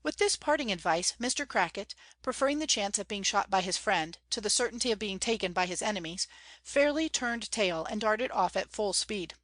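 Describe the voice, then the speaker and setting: A woman narrating a classic novel as an audiobook in a measured, expressive reading. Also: medium pitch, dry recording. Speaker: audiobook reader.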